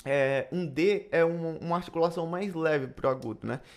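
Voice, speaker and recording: A young adult Brazilian man with a Brazilian Portuguese accent teaching saxophone technique in a casual video lesson, tagging his phrases with quick checks to the viewer. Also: on the high side, darkish tone. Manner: casual, tag questions after phrases.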